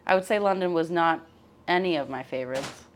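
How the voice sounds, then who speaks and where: A woman in her twenties, a musician, talking openly and warmly as a podcast guest and laughing often. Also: deep voice, a little fast. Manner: friendly, open and chatty, laughs often. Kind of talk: casual interview chat.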